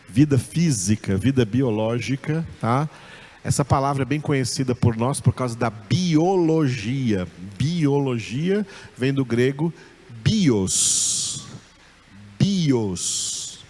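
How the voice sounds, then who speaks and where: A man's voice: medium pitch, darkish tone. A man with a Brazilian Portuguese accent teaching a recorded Bible school lesson, patiently repeating each point and checking in with his students. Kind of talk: recorded lesson on Koine Greek.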